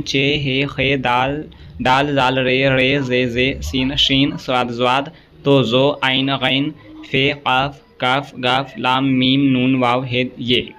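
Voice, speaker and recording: A male teacher works through an exam-prep grammar lesson at a middling pitch. He reads out lists one item at a time, steady and methodical, and often pauses to check in with his viewers. A faint hiss sits under his voice. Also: lo-fi sound. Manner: recites lists steadily, checks in with frequent "okay".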